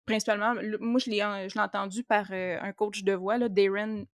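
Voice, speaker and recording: A woman's voice: medium pitch, level tone, brisk, no echo, studio quality. A woman, a guest player on a podcast, talking with frequent hesitations. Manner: hesitant, many fillers. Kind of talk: casual podcast chat.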